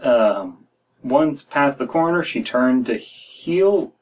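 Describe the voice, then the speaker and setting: An American man in his thirties, co-hosting a podcast from a small indoor room, reads a horror story aloud and adds wry, critical asides. His medium-pitched voice is expressive and slow, and the recording is rough.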